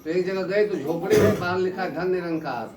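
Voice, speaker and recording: A man's voice: high voice, fairly quick, a crowd in the background. A man giving a devotional sermon, telling parable stories and voicing the characters in them. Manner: storytelling with voiced dialogue, rising emotional emphasis. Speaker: preacher. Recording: echoey hall, distant mic, noisy ambience.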